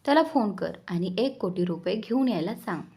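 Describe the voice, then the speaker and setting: A woman's voice: mid-range voice, animated, normal speed, dark tone, husky. Woman reading as a harsh male kidnapper. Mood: menacing. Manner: harsh, threatening.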